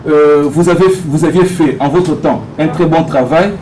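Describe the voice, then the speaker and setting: Congolese man, soldier at a public meeting, insistent questioner, higher mellow voice. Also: normal speed, a little hiss or hum, poor audio. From Democratic Republic of the Congo.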